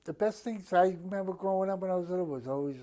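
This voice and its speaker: A man's voice: high voice, quick pace, warm tone. A man in his fifties with a Boston accent, chatting casually and bluntly as he answers an interviewer's questions. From Boston area, Massachusetts, USA. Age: 50s. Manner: blunt, plain-spoken, given to swearing. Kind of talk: casual chat.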